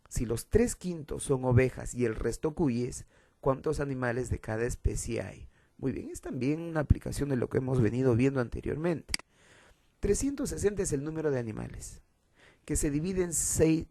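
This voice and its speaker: Gravelly-voiced man teaching fractions. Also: medium pitch, mellow, dry recording. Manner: patient, repeats key steps. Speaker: math teacher. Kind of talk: explaining fraction word problems.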